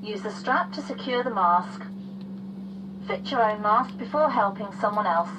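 A woman's voice: mid-range voice, lively intonation, measured pace. A woman speaking as a flight attendant, formally reading scripted safety instructions to passengers. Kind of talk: scripted airline safety announcement. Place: aircraft cabin. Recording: distant cabin PA with clear hum.

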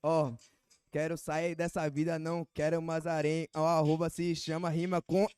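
A man's voice: a little high, flat delivery, normal speed, darkish tone, clean tone, no room sound. A young man with a Brazilian accent, co-hosting a podcast and freestyling crude, teasing rhymes with friends. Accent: Brazilian Portuguese. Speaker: podcast co-host. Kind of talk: joking freestyle rap among friends.

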